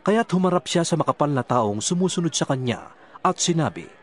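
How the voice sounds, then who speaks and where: A man's voice: on the high side, expressive, brisk. A man reading a Bible narration, telling the story steadily. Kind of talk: scripted narration. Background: music.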